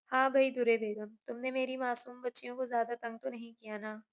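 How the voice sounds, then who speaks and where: A woman's voice: fairly high pitch, little pitch movement, fairly quick, natural voice. A woman reading the lines of a playful, teasing young husband in a narrated novel.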